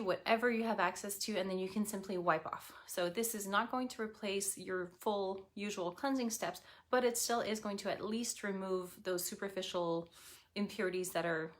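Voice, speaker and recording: A woman's voice: medium pitch, a bit bright. A woman presenting skincare products in a tutorial, speaking directly to the viewer in an instructive, friendly way.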